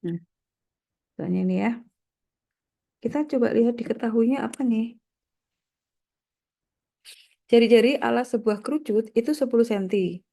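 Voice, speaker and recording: Slightly high, gravelly and dark in tone, this woman talks at normal speed and pauses often. An Indonesian lecturer in university mathematics, she has a nasal sound from a slight cold and teaches didactically, step by step, sprinkling in short check-in tags.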